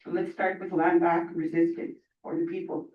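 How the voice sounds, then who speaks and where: A man reading out a list of demands in a measured, declarative way at a public panel. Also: fairly high pitch, flat delivery. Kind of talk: reading out a statement. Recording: echoey room, from far off, dull.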